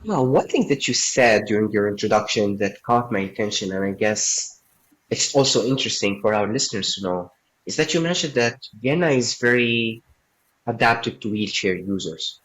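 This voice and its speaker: A man hosting a podcast, reading a formal introduction and asking measured questions. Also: on the low side, animated, fairly bright tone, low-quality recording. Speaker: podcast host.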